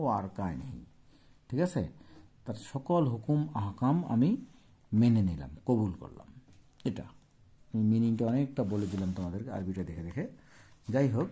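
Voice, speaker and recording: Over the phone, a man with a Bangladeshi Bengali accent teaches young pupils a textbook lesson, explaining terms slowly and often checking that they follow. His mid-range voice has a dark, slightly rough tone.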